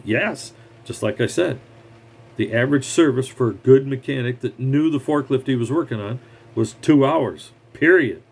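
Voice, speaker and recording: A man's voice: mid-range voice, husky. A mechanic, a man, giving blunt, heated advice in a scornful rant straight to the camera. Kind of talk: ranting advice monologue.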